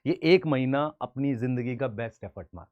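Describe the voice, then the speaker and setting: A man's voice: mid-range voice, moderate pace, lo-fi sound. A man in his thirties, a coaching teacher from India, giving earnest advice straight to camera. He calls his students "beta" and acts out their replies. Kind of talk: direct-to-camera advice talk.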